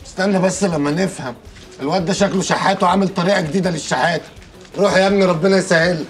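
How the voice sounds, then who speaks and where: An Egyptian actor playing Zammara, a loud, excitable working-class brother in a comedy series who shouts and keeps repeating himself. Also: male voice, high-pitched, very fast, faint music behind, natural voice. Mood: bossy.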